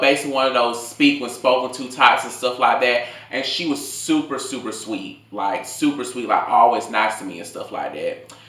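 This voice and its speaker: A man in his late twenties telling a casual, rambling story in slangy, animated talk as a food vlogger. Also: medium pitch. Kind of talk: casual storytime told over a meal. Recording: echoey room.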